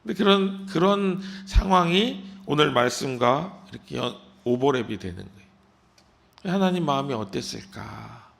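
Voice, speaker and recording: A man's voice: on the high side, expressive, unhurried, gravelly, a bit bright. A male pastor giving a conversational early-morning sermon, reading scripture and then talking it through, sometimes acting out a parent's scolding lines.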